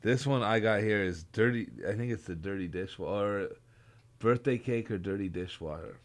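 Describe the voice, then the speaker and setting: A man co-hosting a podcast in casual, joking chat, talking haltingly and repeating himself with lots of filler words. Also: fairly low pitch. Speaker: podcast co-host.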